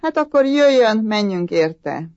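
Woman playing an impatient city army officer, barks orders, higher and louder than her narration, dull dry audiobook. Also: animated, no room sound, close to an everyday voice. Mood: commanding. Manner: brusque, commanding, raised voice. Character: impatient, bossy three-star army officer from the capital.

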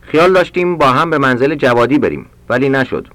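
A man reading short practice sentences aloud for language learners, slowly and with careful enunciation. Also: medium pitch, animated, fairly bright tone, no echo. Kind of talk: read-aloud Persian drill sentences for learners.

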